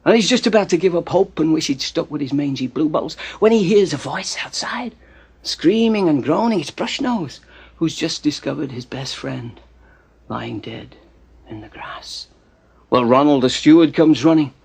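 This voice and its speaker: Casting: male storyteller, gravelly and breathy, with a voice that climbs high and dips low, theatrical pacing. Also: normal speed. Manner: animated, theatrical pacing with hushed drops. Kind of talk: storytelling narration.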